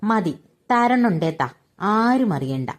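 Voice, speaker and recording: A woman reading aloud and voicing a bossy, secretive elderly mother who talks in an urgent hush. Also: medium pitch, lively intonation, unhurried. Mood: hushed, insistent. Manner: hushed, urgent pleading.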